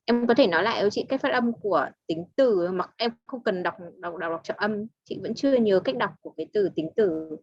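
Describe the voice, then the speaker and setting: A woman's voice: medium pitch, a little fast, few pauses, a little mellow, no echo. Vietnamese woman learning english, unsure, keeps retrying words, muffled dry audio. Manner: hesitant, tries words repeatedly and asks questions. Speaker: adult English student.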